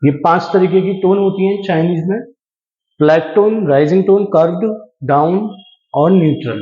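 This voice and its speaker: A man teaching a language class, explaining slowly and deliberately and repeating key terms, with English phrases mixed in. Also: high voice. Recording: echoey room, dull lo-fi sound.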